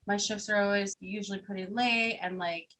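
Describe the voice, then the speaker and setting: A woman's voice: mid-range voice, fairly even intonation, moderate pace, a bit bright, poor audio. A young woman, chatting casually as an interview guest, laughing often and full of fillers. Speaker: singer and keyboard player, guest.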